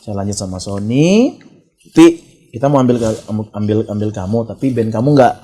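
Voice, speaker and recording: A man's voice: on the low side, normal speed. Man from Papua telling his story. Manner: animated storyteller acting out quoted dialogue. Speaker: guest singer. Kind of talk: casual storytelling interview.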